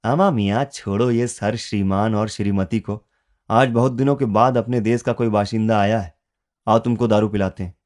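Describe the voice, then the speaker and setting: A guy putting on a loud teasing dude, fast and pushy. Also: lowish voice, fairly even intonation, lightly acted. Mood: boisterous. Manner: teasing, boisterous, quick. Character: brash swaggering Bihari man, teasing and loud.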